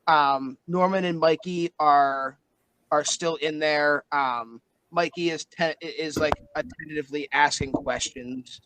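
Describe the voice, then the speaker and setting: A man narrating as game master of a tabletop game, halting and full of fillers. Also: on the high side, fairly even intonation, a bit bright, slight background noise.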